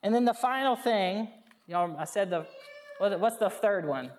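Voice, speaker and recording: A woman's voice: medium pitch, lively intonation, moderate pace, a little hiss or hum. A woman preaching a sermon, earnest, telling stories and calling on the congregation to answer. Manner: earnest, warm storytelling with congregation call-and-response. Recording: long reverb of a hall.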